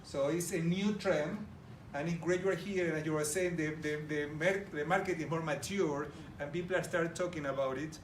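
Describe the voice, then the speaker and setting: In a large room full of listeners, a middle-aged Argentine man, his Argentine Spanish accent clear, delivers an enthusiastic talk aimed directly at the audience. His voice is a bit high and fairly level in intonation, moving at normal speed with hardly any pauses. The recording is distant and roomy, with background noise.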